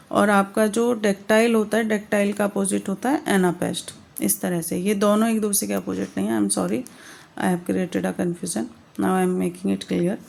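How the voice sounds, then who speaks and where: A woman teacher giving an online lesson on poetic meter. She explains step by step, checks often that students follow, and slows right down to dictate definitions. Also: medium pitch, gravelly, a little mellow. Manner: explains step by step with frequent checks like "thik hai"; addresses students fondly as "beta". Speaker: English literature teacher. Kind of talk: online lecture in Hindi mixed with English.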